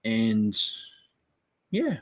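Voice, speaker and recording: A man's voice: on the low side, huge pitch swings, extremely slow, darkish tone. A man hosting a Lego vlog, chatting casually and a little sarcastically while he builds and weighs up new sets. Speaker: Lego channel host.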